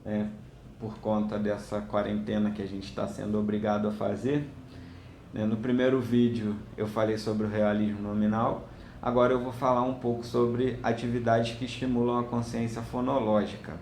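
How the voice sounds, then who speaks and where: A man teaching parents a home learning activity, speaking slowly with frequent hesitant fillers. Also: fairly low pitch, flat delivery, darkish tone, a little hiss or hum. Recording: echoey room, faint ambience.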